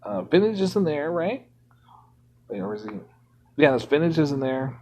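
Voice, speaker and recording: A man streams a game from his home computer and rants in casual, indignant commentary. His voice sits a little higher than most men's. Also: big pitch swings, normal speed, darkish tone, highs cut off, a little hiss or hum. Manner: ranting, indignant.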